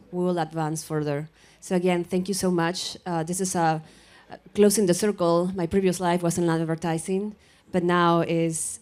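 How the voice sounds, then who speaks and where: A woman's voice: lowish voice, darkish tone. A woman giving an earnest acceptance speech while losing her voice, with some fillers. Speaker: award recipient.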